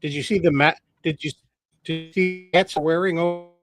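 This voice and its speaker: A man's voice: fairly high pitch, steady tone, over music. A man co-hosting a casual talk show over a video call whose connection keeps breaking up, so he halts and restarts his words. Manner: halting, restarting words as the line cuts out. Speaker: co-host.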